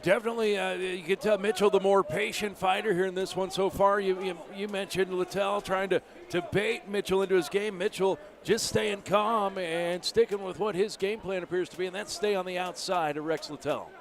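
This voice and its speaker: A man with a high-pitched voice calls a live MMA bout. He delivers play-by-play sports commentary as the lead host at the event. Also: steady tone, moderate pace, few pauses. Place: live fight event venue.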